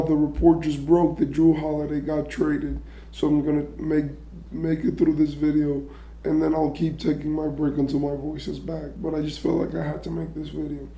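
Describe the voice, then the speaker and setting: A sports commentary YouTuber who is losing his voice talks casually about basketball trades, his voice worn and hoarse and sitting a little high for a man. He clears his throat as he goes, his very dark, muffled tone staying mostly flat while he thinks aloud with lots of "right?" and "you know."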